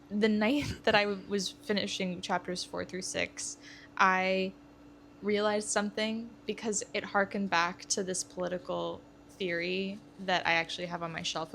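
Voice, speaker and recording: A woman's voice: mid-range voice, fairly even intonation, normal speed, a bit bright, a little hiss or hum. A young woman co-hosting a casual book-discussion podcast, eager and thinking aloud as she talks. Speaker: podcast co-host.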